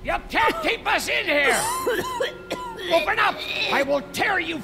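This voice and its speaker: A man's voice: very high-pitched, expressive, unhurried, gravelly, music in the background, exaggerated voice. An actor playing a furious, foul-mouthed older father in a video game, bellowing threats. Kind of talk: dramatic video game acting.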